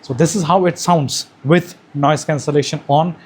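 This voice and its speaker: A man's voice: fairly high pitch, fairly even intonation, normal speed, a little mellow, slightly rough. A man demonstrating gear, hesitant with many fillers, heard through a wireless clip mic with active noise cancellation that processes his voice. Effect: wireless mic with active noise cancellation on, processed sound. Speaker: gadget reviewer. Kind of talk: product demo. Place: room with a fan running and traffic outside. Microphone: wireless clip mic into a phone.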